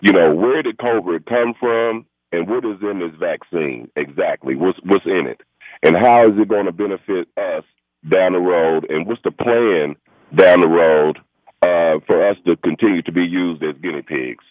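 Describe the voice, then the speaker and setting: A deep-voiced man calls in to a radio show by telephone, rambling at a moderate pace in an insistent, argumentative way. The phone line sounds tinny and dry, with no room sound.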